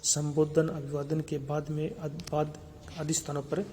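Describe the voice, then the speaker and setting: A man's voice: a little high, little pitch movement, measured pace, dark tone, a little hiss or hum. A man teaching a grammar lesson for exam preparation, listing terms steadily and repeating key words.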